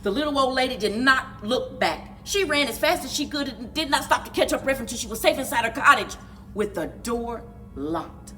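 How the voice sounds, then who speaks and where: Over soft background music, a woman with a voice on the high side reads aloud as a library story time host. She narrates for children expressively, dramatically and deliberately, using playful sound words.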